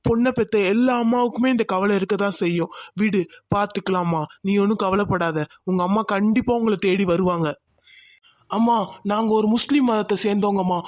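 A man voicing a kind, accepting middle-aged father in a cartoon, speaking gently and reassuringly. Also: sits high, close to an everyday voice.

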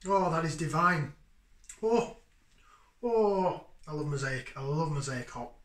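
A man's voice: a little high, expressive, slow pace. A man in his thirties reviewing a beer in his home kitchen, chatty and enthusiastic as he sniffs and sips. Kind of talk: casual beer tasting review. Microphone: fixed camera at table distance. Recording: echoey kitchen.

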